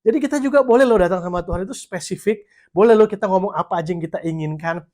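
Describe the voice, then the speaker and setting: A man's voice: high voice, quick pace, darkish tone. A man giving a casual, conversational sermon to young people, slipping English phrases in between. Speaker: youth pastor.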